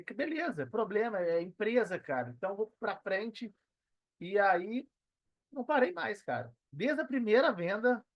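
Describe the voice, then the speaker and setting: A Brazilian affiliate marketer guests on a podcast, recounting his own experience casually and emphatically in colloquial speech, often quoting his own thoughts. His voice is high, and the recording is muffled with no room sound.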